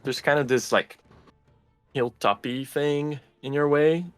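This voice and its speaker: A man running a tabletop game as game master, explaining rules casually with halting restarts. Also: on the high side, fairly even intonation, faint music behind.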